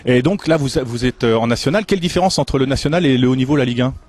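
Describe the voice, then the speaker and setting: A male football presenter who talks very quickly in a mid-pitched voice. He introduces matches and puts questions as a club interviewer would. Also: a little mellow.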